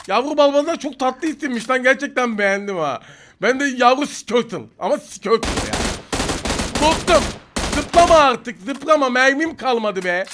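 A young man with a Turkish accent giving joking, excitable commentary over his own gameplay, teasing opponents. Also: extremely high pitch, background noise. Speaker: gaming YouTuber.

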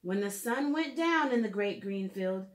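A woman in her thirties reading aloud and leading a drawing lesson for preschoolers in a clear, simple storytelling manner, recorded in a room at home. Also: medium pitch, animated, a little slow. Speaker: children's educator reading and drawing. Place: small room at home, indoors.

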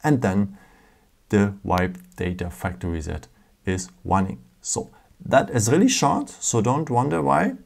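A man's voice: on the low side, very animated, unhurried, vocal fry. A man hosting a casual step-by-step phone tutorial, patient, with frequent fillers and non-native phrasing, recorded indoors at a table. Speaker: tech tutorial host.

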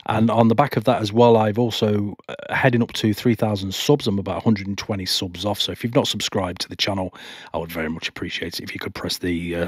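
A man chats to camera from home about motorbike touring, nervous and rambling, often restarting his sentences. His voice sits low and husky, and the recording is close and dry. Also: no room sound. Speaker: motorcycle vlogger. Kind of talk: casual talk to camera, reading viewer questions. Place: home, not a studio. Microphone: home microphone.

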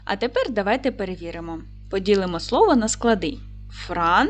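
A woman teacher speaks to young pupils in a video lesson, her voice lively and rising and falling a lot. She gives clear, patient instructions at a medium pitch. Faint music plays softly underneath. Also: a little fast. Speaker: primary school teacher.

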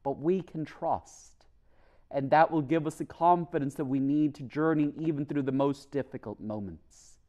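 Standing at the lectern of a church chapel, a higher-voiced priest delivers a measured homily, speaking deliberately and earnestly with emphatic pauses. His voice comes across mellow, with the highs cut off, through the lectern mic.

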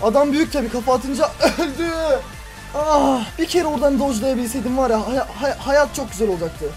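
A gaming YouTuber does let's-play commentary on his own gameplay, excitably talking to himself and crying out at what happens on screen. His voice is very high and fairly quick, with music playing in the background.

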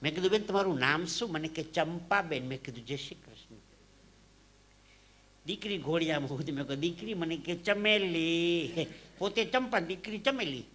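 A man from Saurashtra, telling comic stories live on stage into a microphone. His delivery swings from hushed asides to loud punchlines. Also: a little high, expressive, normal speed. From Saurashtra, Gujarat. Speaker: stage comedian and storyteller. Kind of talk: live folk comedy storytelling.

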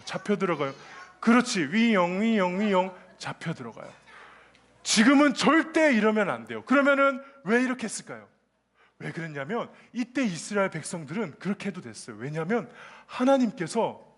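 A man preaching a lively children's sermon, asking the kids questions and acting out the people in the story. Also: high voice. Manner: lively, asks children questions, acts out quotes. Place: church children's service.

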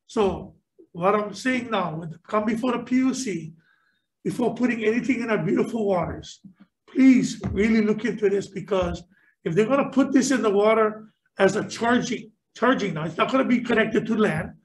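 A man's voice: high-pitched, moderate pace, low-quality recording. A middle-aged man questioning a nominee at a legislative hearing in an earnest, rambling way, speaking through a mask into a table mic. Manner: earnest, rambling, repeats words while searching. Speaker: state senator questioning a nominee. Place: government hearing room. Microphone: table microphone, wearing a face mask.

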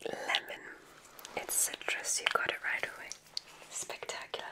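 Here a woman whispers breathily through a witch-examiner ASMR roleplay, sounding calm, soothing, unhurried in a deliberate way, and encouraging.

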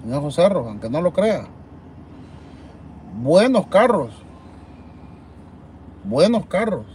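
High-voiced Salvadoran man chatting from his car. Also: slow pace, slight background noise. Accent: Salvadoran Spanish. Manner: rambling, animated, talks straight to viewers. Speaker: livestream host. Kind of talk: casual live chat reading viewer comments. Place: parked car at night in an urban lot.

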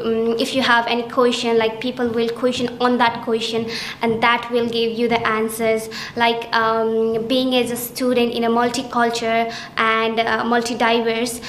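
A young woman student from Nepal speaks in a slightly high, extremely even monotone, pausing often with fillers as she answers interview questions. The small indoor room adds a roomy echo, with faint ambient noise underneath. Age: young adult. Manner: hesitant, many fillers, flat steady delivery. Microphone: camera at chest framing.

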